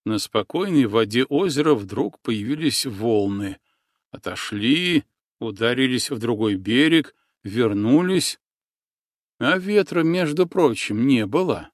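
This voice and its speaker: A man reading a historical adventure novel aloud as an audiobook narrator, with measured storytelling. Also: mid-range voice, expressive, no room sound, studio quality. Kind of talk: scripted narration.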